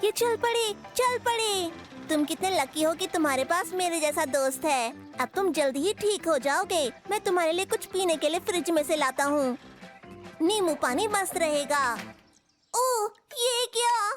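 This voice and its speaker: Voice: sits high, normal speed, close to an everyday voice. An actor voicing Bucky, a boastful little boy bear cub who tinkers with inventions, in a Hindi cartoon dub, with a fussy, grumbling way of talking. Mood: busy. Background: children's music.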